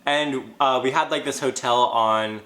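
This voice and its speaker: Young guy telling a story all excited, echoey room. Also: medium pitch, a little slow. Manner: excited storytelling with acted-out quotes. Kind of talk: casual family chat.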